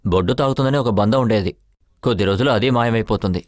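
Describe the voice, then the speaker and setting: Film dub: actor as brisk husband, fast, dry studio sound. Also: male voice, lowish voice, dry recording, natural voice. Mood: casual. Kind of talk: dubbed film dialogue.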